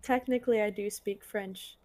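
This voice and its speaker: A woman's voice: medium pitch, fairly even intonation, normal speed, warm tone. A woman chatting casually with friends in a matter-of-fact, dry way. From United States. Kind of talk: casual chat among friends.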